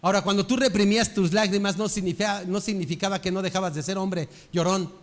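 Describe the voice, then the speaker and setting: A man's voice: high-pitched, steady tone, fast talker. An older man, preaching a sermon with earnest rhetorical questions. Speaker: pastor.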